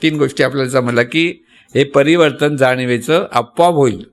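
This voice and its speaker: A man's voice: mid-range voice, moderate pace. A man with a Marathi accent giving a devotional sermon, teaching patiently, repeating points and asking the listeners rhetorical questions. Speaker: spiritual teacher.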